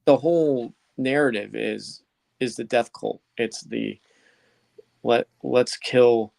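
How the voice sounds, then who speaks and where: A man's voice: mid-range voice, takes it slowly, creaky, darkish tone, dry recording. A man co-hosting a casual reaction stream, thoughtful and trailing off with fillers. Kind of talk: casual chat.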